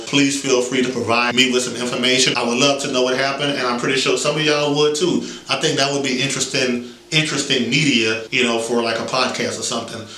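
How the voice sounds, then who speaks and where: Bright-voiced man in an echoey room. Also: medium pitch. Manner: conversational, loose and hedging. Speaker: vlog host. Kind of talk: casual commentary. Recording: roomy echo.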